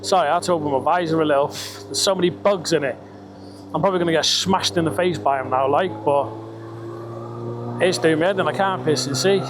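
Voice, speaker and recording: A man's voice: on the high side, fairly quick. A British man chatting casually and rambling, with some swearing, his voice enclosed inside a motorbike helmet as he rides outdoors. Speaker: vlogger. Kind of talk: casual ride-along motorbike vlog chat. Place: outdoors, riding a motorbike on country roads. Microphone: microphone inside a helmet. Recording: engine and wind noise, helmet mic. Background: motorbike engine and road noise.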